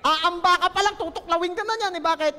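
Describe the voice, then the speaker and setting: High-voiced Filipino pastor in an echoing hall. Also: male voice, fast, pushed and bright. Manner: joking, asks the congregation questions. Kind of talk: lively humorous sermon. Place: church hall.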